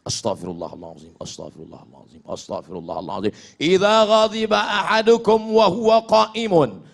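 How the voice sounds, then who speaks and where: A male preacher delivers a humorous sermon. He has a fairly high voice that leaps up and down with great animation. He acts out small exchanges and chants Arabic verses between them. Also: a bit bright.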